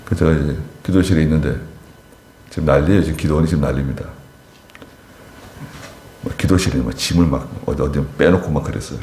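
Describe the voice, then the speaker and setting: A pastor delivering a Wednesday service sermon, telling stories with emphatic rises and quiet asides. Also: male voice, fast, pauses often, slight background noise. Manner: animated storytelling, voice rising sharply for emphasis and falling low for asides. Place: church sanctuary. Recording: echoey church hall.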